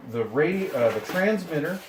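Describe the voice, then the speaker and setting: Unpacking boxes in an indoor room, this male video host and radio hobbyist talks in a slightly high, animated voice at normal speed. His commentary is laid-back and meandering, with muttered asides to himself. Echo, noise and clicks come through clearly.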